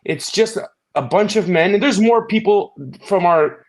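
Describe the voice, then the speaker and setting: This man has a somewhat high voice. He talks casually as a livestream panelist, earnest and sincere, building his point in short, stop-and-start phrases. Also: moderate pace. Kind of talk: casual chat.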